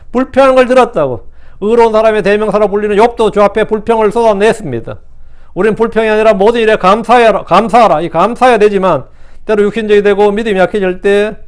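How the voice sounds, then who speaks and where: A man's voice: high voice, clean tone. A male pastor giving a sermon in a conversational way, often checking in with the congregation and rising into impassioned scripture reading. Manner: conversational preaching with frequent rhetorical "응?" asides.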